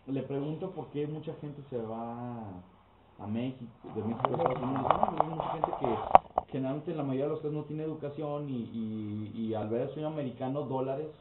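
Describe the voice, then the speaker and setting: A man's voice: mid-range voice, a little fast, echoey room, a little hiss or hum. A Mexican man co-hosting a podcast, recounting a story casually and acting out the quotes. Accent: Mexican Spanish. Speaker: podcast co-host. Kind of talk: casual chat. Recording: boxy tinny lo-fi podcast audio.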